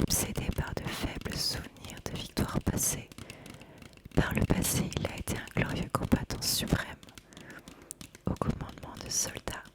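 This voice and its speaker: Femme qui chuchote lentement en ASMR. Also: female voice. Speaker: ASMR host presenting an oracle card deck. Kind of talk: whispered ASMR presentation.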